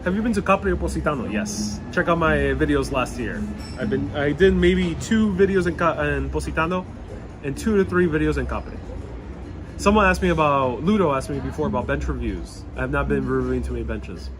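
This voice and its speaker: A man's voice: a little high, a little fast. A man born in Puerto Rico and raised in New York, a travel vlogger chatting casually on a live stream as he reads out viewer comments and riffs on them. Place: outdoors in a European old town. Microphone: wireless clip-on mic. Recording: clear salsa music behind the voice. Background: salsa music playing nearby.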